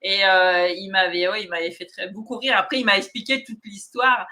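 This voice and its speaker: A woman medium telling anecdotes in a casual interview, animated and laughing often. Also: mid-range voice, moderate pace. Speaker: medium, guest. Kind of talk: casual storytelling.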